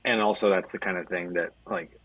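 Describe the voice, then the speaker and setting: A man co-hosting a casual sports podcast, speaking in a thoughtful, hedging, soft-spoken way. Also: deep voice, fairly even intonation, brisk, slightly rough, dry recording. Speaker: podcast co-host. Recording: dull lo-fi mic.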